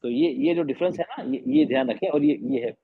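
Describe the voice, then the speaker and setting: A man's voice: a little high, lively intonation, a little fast, slightly rough, phone-quality sound. A man teaching an online class, explaining patiently and repeating his points, mixing in English phrases. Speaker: tajweed teacher. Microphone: video call.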